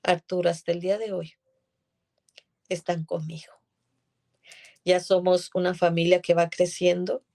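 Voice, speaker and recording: Woman telling a faith testimony, earnest and emotional, low gravelly voice. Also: little pitch movement, fairly quick, hardly any pauses, warm tone. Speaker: guest giving a faith testimony. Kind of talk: religious testimony in conversation.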